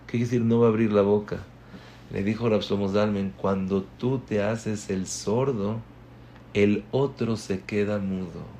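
A man giving a religious class, telling stories that move between hushed and emphatic delivery. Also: lowish voice, steady tone, unhurried, slight background noise. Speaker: religious teacher.

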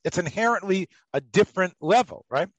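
Fairly high-voiced man questioning a teacher. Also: lively intonation, fairly quick, no room sound, low-quality recording. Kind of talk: informal discussion.

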